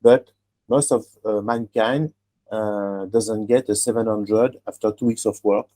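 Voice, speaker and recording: A German-native man hosts an online webinar as an admissions coach, talking with a student guest in an emphatic advisory tone. His voice is fairly low, mellow and unhurried with fairly even intonation, and he often checks in with tag questions like "huh?" and "okay?".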